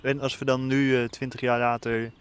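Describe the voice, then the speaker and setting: A male interviewer poses his questions in a flat, even voice. He is recorded outdoors with faint background noise. His pitch sits in the middle. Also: moderate pace.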